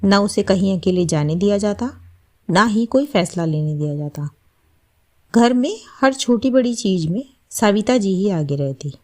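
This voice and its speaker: A woman narrating a scripted family story in a measured, steady way. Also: mid-range voice.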